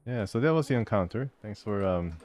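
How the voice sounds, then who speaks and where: With a fairly low, expressive voice and a slightly fast pace, this man gives casual commentary on a role-playing game, reading in-game text aloud and thinking things through with amused chattiness.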